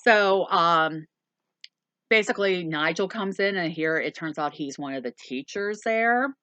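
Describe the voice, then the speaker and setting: Woman co-host, lower-pitched, bright tone, rambling plot recap, dry room. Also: measured pace, no room sound, lo-fi sound. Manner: rambling, with frequent ums and plain swearing. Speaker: movie review co-host. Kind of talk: casual chat summarizing a movie plot.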